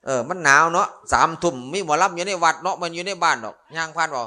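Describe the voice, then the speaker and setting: A man's voice: on the high side, quick pace, bright, forceful tone. A man who is a Buddhist monk, speaking with a Northeastern Thai Isan accent and giving a humorous Dharma sermon full of jokes, stories and playful asides to the listeners. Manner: joking, storytelling, playful asides to the audience.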